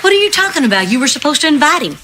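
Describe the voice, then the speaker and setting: A wry, sarcastic mom. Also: female voice, sits high, very animated, very fast, noisy background. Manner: dry, sarcastic. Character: wry, sharp-tongued woman. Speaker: mother throwing a party. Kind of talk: multi-camera sitcom acting.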